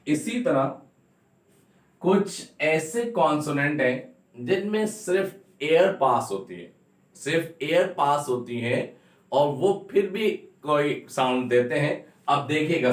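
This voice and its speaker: A man teaching a phonetics lesson, slowly repeating each sound and spelling words out letter by letter. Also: medium pitch, recorded from a distance. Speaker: English teacher. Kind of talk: classroom-style phonetics lesson. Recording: echoey room, voice from afar.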